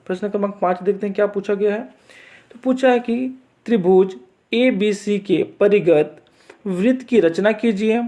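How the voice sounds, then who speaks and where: High mellow male teacher, slow step-by-step math explanation with frequent check-ins. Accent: Chhattisgarh Hindi. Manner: repeats steps with frequent "theek hai" check-ins. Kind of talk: explaining a board exam assignment.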